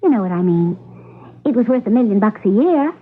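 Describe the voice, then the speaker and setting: In a radio mystery drama, a woman plays a brash, vain, self-assured young actress who is under suspicion, sounding boastful and scheming. Her voice is medium-pitched, animated, fairly quick, and husky, heard through a muffled lo-fi old radio broadcast.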